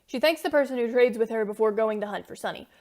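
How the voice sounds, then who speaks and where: A woman narrates a story in a brisk, fast-moving way. Her voice sits a little high. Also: a little mellow.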